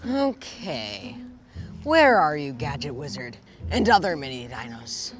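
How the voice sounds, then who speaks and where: A woman playing an excitable park ranger sidekick in a children's adventure skit, animated and dramatic. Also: deep voice, slow pace, full character voice. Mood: anxious, excited. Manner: animated, dramatic, talking to self. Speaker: children's show performer. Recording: music behind the voice.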